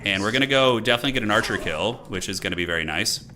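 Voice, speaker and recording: With music in the background, an animated man with a lowish voice races through live commentary on his own game. A streamer, he explains his moves in casual slang and throws in some mild swearing.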